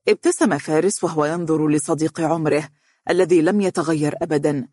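A narrator reading a story aloud in a steady, measured way in the dialogue. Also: mid-range voice, no echo, studio quality.

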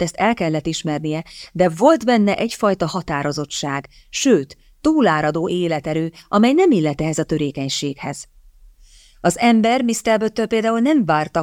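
A woman narrating a novel as an audiobook, in a measured, expressive read. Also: on the low side, no echo, clean studio sound. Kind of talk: scripted narration.

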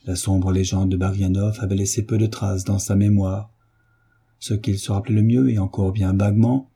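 A man narrating a classic novel in a measured, even reading as an audiobook narrator. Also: lowish voice, slightly rough. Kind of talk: scripted literary narration.

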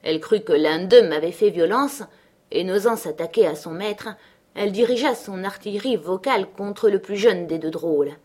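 A woman reading a novel aloud as an audiobook narrator, in measured, steady narration. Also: medium pitch.

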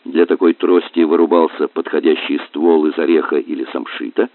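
A man narrating an adventure novel in a measured, even storytelling manner. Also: a bass voice, dry recording. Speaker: audiobook narrator. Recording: dry, narrow phone-like sound.

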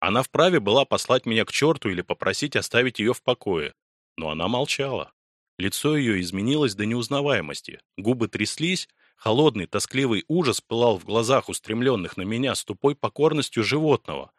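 Male narrator, low voice, measured and deliberate first-person literary reading, slight irony. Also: expressive, a bit bright, no room sound, studio quality. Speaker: audiobook narrator.

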